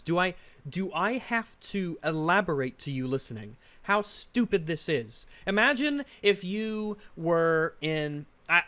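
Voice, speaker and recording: A man's voice: a little high, a bit bright. A man hosting a commentary video, ranting sarcastically in exasperated criticism of a show. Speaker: commentary channel host.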